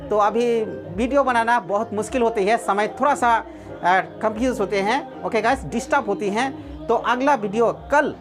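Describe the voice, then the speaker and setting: A woman teaching a class of online students, repeating key words and asking the students questions. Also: fairly high pitch. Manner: repetitive, asks rhetorical questions.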